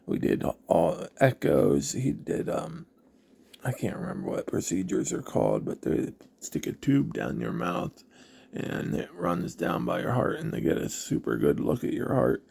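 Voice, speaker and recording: Man telling his own story, halting and reflective; gravelly, husky voice, low-pitched. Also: wildly swooping pitch, darkish tone. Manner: halting, reflective, many pauses. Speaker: vlogger. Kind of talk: personal storytelling.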